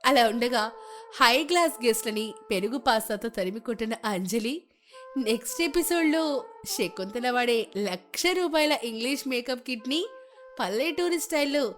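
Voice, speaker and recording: A woman giving scripted narration of a family story, brisk and lively. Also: fairly high pitch, soft background music.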